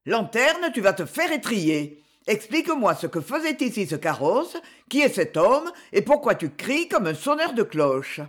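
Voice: medium pitch, very animated, moderate pace. A reader voicing a young nobleman who hurls fierce, commanding threats in anger and desperation. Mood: stern. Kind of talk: audiobook reading.

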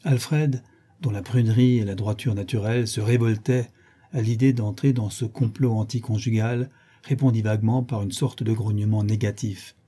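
A man narrating a classic novel in a measured, expressive reading. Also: lowish voice, slightly rough. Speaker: audiobook narrator.

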